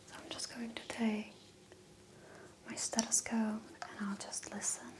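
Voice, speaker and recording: A woman speaks in a soft unvoiced whisper, playing a doctor through a calm medical exam. Her delivery is slow and unhurried, and the pitch stays flat and even throughout. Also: noisy background. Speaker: doctor in roleplay. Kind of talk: whispered ASMR medical roleplay.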